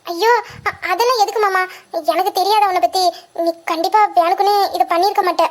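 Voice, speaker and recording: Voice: extremely high pitch, steady tone, fairly quick. A performer voicing a sweet, affectionate young girl in an audio drama, talking earnestly and fondly with light giggles. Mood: tender. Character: sweet affectionate young girl who adores her uncle.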